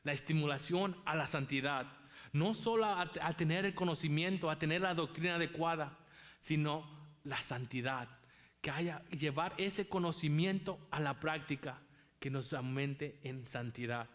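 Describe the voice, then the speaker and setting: A man's voice: a little high, normal speed, a bit bright. A man preaching a sermon as pastor, emphatic and repeating key phrases for weight.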